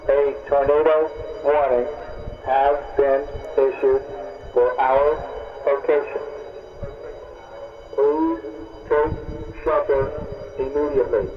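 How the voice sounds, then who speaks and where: Flat emergency warning from a loudspeaker, man. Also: medium pitch, dull audio, faint music behind. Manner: flat, measured, repetitive warning. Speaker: emergency announcer.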